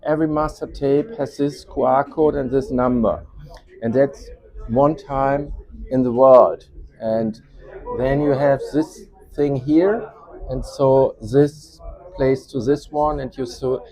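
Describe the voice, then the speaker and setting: A company representative gives an informal product demo, speaking non-native English with a German accent and halting, searching phrasing. His medium-pitched voice is gravelly and darkish with fairly even intonation, and the audio quality is poor.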